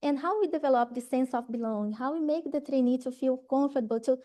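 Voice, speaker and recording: A woman from Brazil speaks fast in a low, mellow voice, giving trainees an informal talk in English, her second language, with a Brazilian Portuguese accent. She sounds hesitant, with plenty of fillers and restarts and a frequent "right?".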